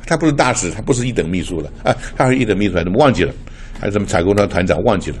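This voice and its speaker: This older man from Taiwan has a slightly rough, lowish voice that is expressive and rapid-fire. He preaches chattily, telling personal stories in his sermon, often laughing and mixing in English words.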